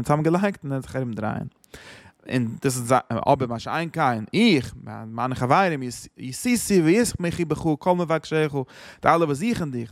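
A man's voice: on the high side, no echo, studio quality. A man explaining a psalm chapter, quoting verses and translating them with many restarts. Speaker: Torah teacher.

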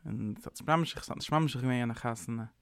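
A man's voice: medium pitch, fast talker, no echo, studio quality. A man giving an informal, rambling sermon, mixing in English words. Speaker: preacher. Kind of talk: informal Yiddish-tinged sermon.

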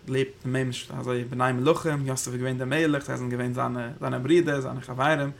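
Gravelly-voiced man teaching Torah in Yiddish. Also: medium pitch, flat delivery, a little fast, a little hiss or hum. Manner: rambling, thinking aloud, Hebrew terms woven in. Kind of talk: Yiddish Torah class on the Zohar.

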